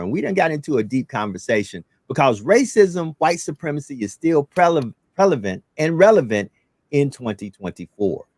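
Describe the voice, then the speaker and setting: A man's voice: medium pitch, a little mellow, no room sound, studio quality. A man hosting a call-in talk show, emphatic and loose in his phrasing as he takes callers. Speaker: radio talk show host.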